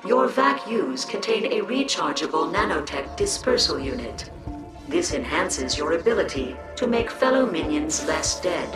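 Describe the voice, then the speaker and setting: Calm station computer. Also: female voice, deep voice, normal speed. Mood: calm formal. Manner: calm, even, formal announcing. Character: calm female station computer announcing orders. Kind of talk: video game voice acting. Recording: roomy distant voice over loud game music.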